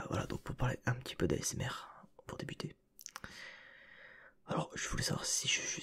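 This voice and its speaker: An ASMR creator whispers close into a binaural mic, his mid-range voice gravelly, slightly bright and edged with breath. He rambles casually, chatting informally as though right beside the listener's ear.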